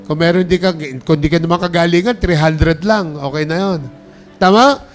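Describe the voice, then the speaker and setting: High-pitched male pastor, call-and-response sermon delivery, faint music bed. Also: fairly even intonation, moderate pace. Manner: preaching with call-and-response, urging applause; mixes English phrases into his talk.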